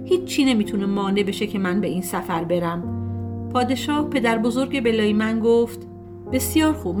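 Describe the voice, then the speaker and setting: A woman with a fairly high voice reads a folk tale aloud in an unhurried storybook cadence. She gives the characters' dialogue a voice of its own. Soft plucked guitar music plays faintly behind her. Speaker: audiobook narrator.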